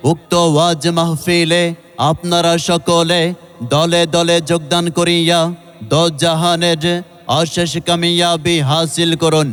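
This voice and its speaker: A man's voice: on the high side, monotone, a little slow, fairly bright tone, clean tone. A Bangladeshi man reading a scripted promotional announcement for a religious gathering in a formal, emphatic, declamatory way, repeating key phrases. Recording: long reverb, music behind.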